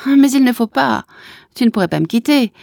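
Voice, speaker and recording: A woman's voice: fairly high pitch, animated, a little fast, creaky, a little mellow, dry recording, studio quality, voice pushed up. A woman voicing a small girl who pleads urgently with her grandmother. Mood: pleading. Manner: urgent, begging.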